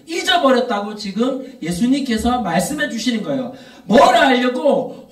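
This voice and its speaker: A youth pastor in his thirties gives an animated sermon. His voice sits very high for a man. He sounds a little far from the mic in a roomy, echoing church hall. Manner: storytelling, rising to emphatic repeated questions. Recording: echoey room, voice from off mic.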